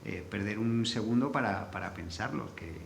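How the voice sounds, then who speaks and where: Speaking at a normal pace in a gravelly, somewhat low voice, a male sound designer with a Castilian Spanish accent tells anecdotes during an informal panel, loose, colloquial, and free with swearing. He's at an indoor forum venue, and the room is echoey with faint background noise.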